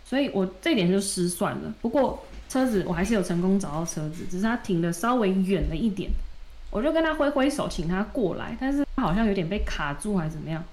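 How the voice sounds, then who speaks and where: A woman co-hosting a podcast, retelling a story in a lively, casual way and acting out the quoted dialogue. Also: medium pitch, quick pace. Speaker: podcast co-host.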